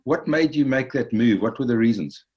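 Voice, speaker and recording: A male podcast host with a mid-pitched voice leads the interview. He asks his questions in an easy, friendly, conversational way. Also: lively intonation, normal speed, a little mellow, breathy edge, highs cut off. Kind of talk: interviewing a guest.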